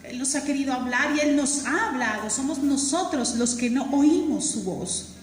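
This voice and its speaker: A woman's voice: high voice, moderate pace. Woman pastor, Colombian coastal accent, fervent sermon delivery, roomy hall reverb. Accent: Colombian Caribbean Spanish. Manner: fervent, emphatic, repeats phrases, draws words out. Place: church hall. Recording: echoey church hall with long reverb.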